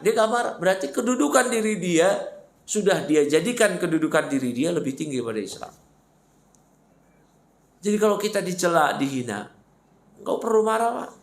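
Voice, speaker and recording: Male preacher, high voice, very lively swings in pitch, emphatic rhetorical questions, mosque sermon. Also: normal speed, pauses often, reverberant. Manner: emphatic, fired-up, rhetorical questions, mocking asides. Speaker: Islamic preacher.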